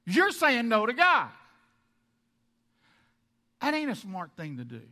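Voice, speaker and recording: A man preaching a sermon to his congregation, animated, acting out their objections and dropping from loud emphasis to quiet asides. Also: very high-pitched, slow. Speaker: pastor.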